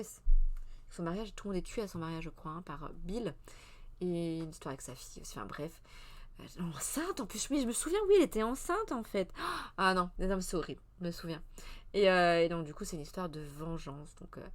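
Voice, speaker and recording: Une femme d'une trentaine d'années anime une revue de presse culturelle en direct, sur un ton décontracté et bavard. Elle hésite souvent, se reprend en cours de phrase et répond aux messages du chat au fil de la conversation. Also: female voice, fairly low pitch, sharp tone. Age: 30s. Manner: chatty and meandering, with many hesitations and self-corrections; answers the live chat as she goes. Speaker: streamer hosting a culture press review. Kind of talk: casual live press review.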